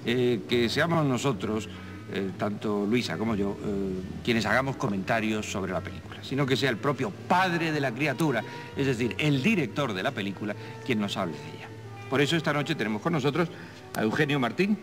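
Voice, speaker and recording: A man with an accent from Spain presents a film programme. His voice is mid-pitched and measured, formal with short hesitations, over clearly audible music. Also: animated. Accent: Spanish, from Spain. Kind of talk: presenter introduction.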